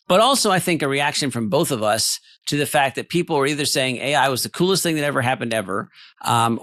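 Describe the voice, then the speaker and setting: A man's voice: mid-range voice, vocal fry, fairly bright tone, no room sound. A man co-hosting a podcast, talking through his thoughts in a casual, rambling way with many fillers. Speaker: podcast co-host.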